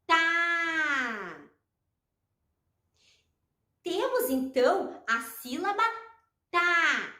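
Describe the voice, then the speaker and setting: A Brazilian woman teaching children letter sounds, slow and encouraging, drawing out each syllable. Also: high voice, sing-song, a bit bright, reverberant. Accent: Brazilian Portuguese. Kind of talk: children's phonics lesson.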